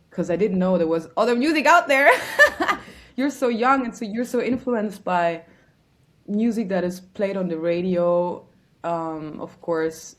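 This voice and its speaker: Low-voiced woman, reflective. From Germany. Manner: reflective, searches for words with many fillers. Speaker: musician guest. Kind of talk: casual interview answers.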